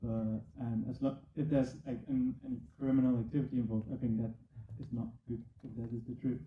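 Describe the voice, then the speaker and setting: A man in the audience asking a question in a halting way, searching for words. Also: medium pitch, flat delivery, echoey room. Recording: distant, phone-like, noisy.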